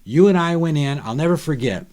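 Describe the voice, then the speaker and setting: A man's voice: a little high, expressive, a little fast, a little mellow. Emphatic older man, preachy podcast guest. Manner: emphatic, preachy, rhetorical questions. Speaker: guest author.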